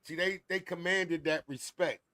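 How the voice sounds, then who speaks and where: A man's voice: fairly high pitch, moderate pace, no echo. A man in his forties hosting a podcast, chatting casually, swearing freely, laughing often and mimicking elders. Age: 40s. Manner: profane, laughing storyteller, does loud mocking voices of elders. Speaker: podcast host.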